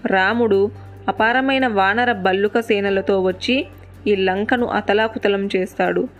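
Devoted monkey hero, gentle n mighty, earnest reassuring tone, woman narrator voicing him. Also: mid-range voice, steady tone, a little slow, soft background music, natural voice.

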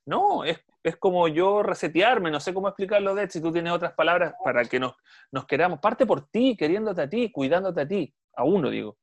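A man's voice: sits high, expressive, brisk, no echo. A man hosting a podcast conversation, speaking enthusiastically and addressing the listeners directly, with frequent restarts. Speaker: podcast host.

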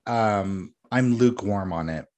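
A man's voice: on the low side, measured pace, background noise. A man co-hosting a podcast in casual chat, giving blunt, candid opinions. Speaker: podcast co-host.

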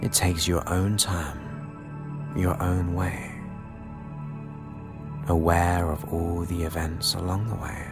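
A man with a deep voice leads a guided meditation. He speaks very slowly and soothingly, placing short phrases between long pauses. New-age music plays clearly behind him. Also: little pitch movement. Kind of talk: guided relaxation hypnosis narration.

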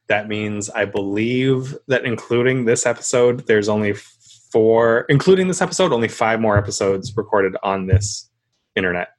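A man's voice: fairly low pitch, normal speed. Man joking through a casual recap. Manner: crude joking, laughs often. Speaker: podcast co-host. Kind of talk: casual recap chat about a sitcom. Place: remote internet call recording.

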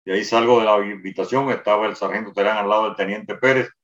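A man's voice: lowish voice, steady tone, fast, fairly bright tone. An older man giving a detailed first-person account in an interview, with frequent restarts. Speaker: interviewee recounting a wartime memory. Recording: roomy, distant, dull sound.

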